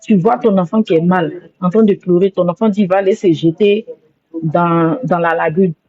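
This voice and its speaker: A woman livestreaming on social media gives an emotional, rambling apology, going over the same points repeatedly. Her fairly low, warm, husky voice keeps a fairly even intonation at a moderate pace. The sound is dull lo-fi phone audio.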